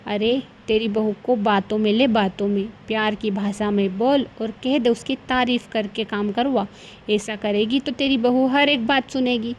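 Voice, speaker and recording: A woman voicing a cunning older mother-in-law in a cartoon story, who coaxes with flattery. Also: on the high side, normal speed, a little hiss or hum, natural voice. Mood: coaxing. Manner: coaxing, heaps on flattery. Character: scheming sweet-talking old mother-in-law.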